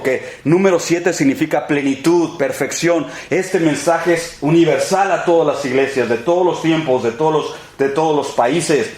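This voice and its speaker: Emphatic and repetitive, this pastor calls his listeners brothers and friends while teaching a sermon-style Bible class in the church sanctuary. His voice is a little high with a darkish tone, and the room echoes.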